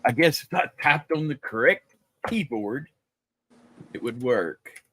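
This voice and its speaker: A man's voice: mid-range voice, animated, takes it slowly, pushed and bright, husky, no room sound. An older man, a grandfather, chatting casually and telling stories on a livestream. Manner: chatty storyteller. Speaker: livestream panelist. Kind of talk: casual chat.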